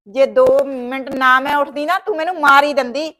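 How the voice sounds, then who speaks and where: A woman's voice: high-pitched, fairly even intonation, normal speed, pushed and bright. A woman with a Punjabi accent playing a fretful sister-in-law who scolds and wails dramatically in a village short film. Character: fretful sister-in-law caring for her brother's wife.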